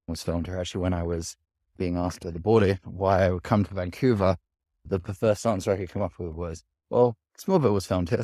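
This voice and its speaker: A man's voice: sits low, mellow, no echo, studio quality. A man giving a casual, rambling vlog to camera while walking outdoors, often hedging as he talks. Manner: rambling, hedging with sort of and kind of. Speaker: vlogger. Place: outdoors in a city park.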